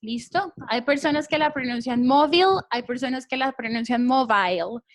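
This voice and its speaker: A woman with a high voice leads an English class. She explains things patiently and keeps checking that her students are following. She speaks into a computer mic for a recorded online class. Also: fairly even intonation, moderate pace. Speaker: English teacher.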